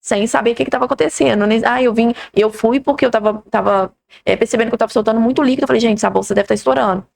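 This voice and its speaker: A Brazilian woman, podcast host, retelling a personal story with lively quoted dialogue. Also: a little high, racing, vocal fry.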